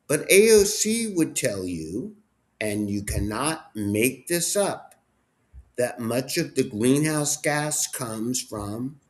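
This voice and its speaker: A man hosting a political talk show, his voice swinging widely up and down as he rants. He talks in a sarcastic, mocking way. His delivery is animated and full of scorn. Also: mid-range voice.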